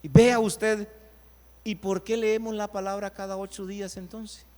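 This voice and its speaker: A man, a pastor preaching a sermon, putting rhetorical questions to his congregation and swinging between loud emphatic lines and quiet low asides. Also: little pitch movement, measured pace. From Guatemala. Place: church sanctuary. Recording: long reverb of a church hall.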